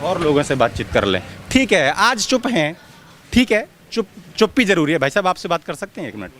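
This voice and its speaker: A man's voice: a little high, sing-song, fairly quick, a bit bright. A male reporter asking people persistent questions on a busy street, pushing back hard when rebuffed.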